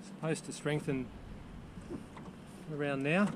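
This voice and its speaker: Man, middle-aged, casual vlog talk, fillers, slightly high voice, loud wind noise, action camera on a boat. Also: takes it slowly. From Australia. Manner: relaxed, rambling, many fillers. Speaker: sailing vlogger. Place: small sailing dinghy on open water.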